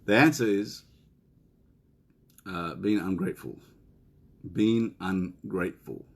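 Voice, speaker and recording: A middle-aged man giving relationship counselling in a live question and answer session, chatting casually, reading out viewer questions and slowing down to repeat key points. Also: sits low, gravelly. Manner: conversational, reads out viewer questions; slows down and repeats key phrases.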